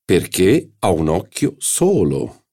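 A man's voice: sits low, wildly swooping pitch, slow, warm tone, slightly rough, heavily acted. A man voicing a smug middle-aged doctor who loves his own jokes, in an audiobook. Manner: smug, joking. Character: middle-aged doctor fond of bad puns.

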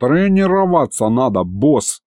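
A man's voice: fairly high pitch, sing-song, measured pace, mellow, no echo, studio quality, pitched above the performer's own voice. A man voicing a brash male imp sidekick who talks in street slang. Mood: brash eager.

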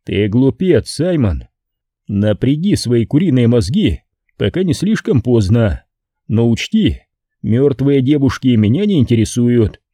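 A man's voice: medium pitch, sing-song, a little slow, warm tone, dry recording, clean studio sound. A man doing an icy, terse avenger. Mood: cold threatening. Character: cold, ruthless male vigilante avenger.

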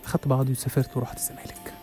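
Fast-talking Egyptian man telling a horror story. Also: medium pitch, monotone. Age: young adult. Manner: rapid, dramatic, with hesitant restarts. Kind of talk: first-person horror story narration. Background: faint music.

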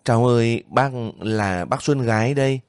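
A man's voice: mid-range voice, moderate pace, smooth, no echo, clean studio sound, lightly acted. A man voicing a kindly older village woman who pleads and sobs over her nephew in a spoken story. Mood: choked. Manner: pleading, sobbing, fussing.

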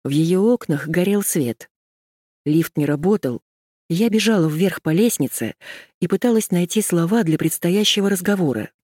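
A woman reading a first-person novel aloud in a measured, tense storytelling manner. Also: on the low side, animated, a little mellow, slightly rough, dry recording, clean studio sound. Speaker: audiobook narrator. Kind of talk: first-person audiobook narration.

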